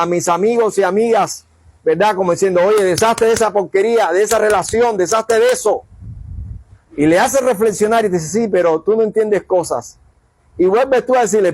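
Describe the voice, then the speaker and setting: A Cuban preacher with a high-pitched voice tells stories during his sermon, animatedly acting out the dialogue. The recording is dry.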